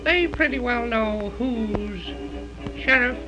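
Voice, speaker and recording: A drawling small-town sheriff in an early talkie film. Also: male voice, very high-pitched, slow pace, music in the background, poor audio. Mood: smug. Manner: folksy drawl. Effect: early talkie film sound.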